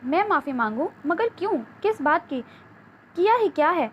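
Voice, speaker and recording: Brief: curt stern husband, read by a high-voiced woman narrator, lo-fi audiobook with faint hiss. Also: expressive. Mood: defensive. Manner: curt, lecturing delivery. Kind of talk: audiobook novel reading.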